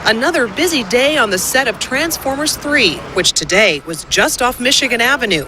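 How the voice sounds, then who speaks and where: A woman's voice: a little high, lively intonation, moderate pace, bright, forceful tone. A woman narrating a scripted news report as a field reporter. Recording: clear street and traffic noise behind.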